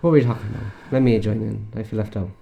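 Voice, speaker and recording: A man's voice: lowish voice, steady tone, racing, vocal fry, muffled recording. A young man on a casual gaming podcast, answering bluntly and brushing things off. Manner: blunt, dismissive, offhand. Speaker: podcast co-host.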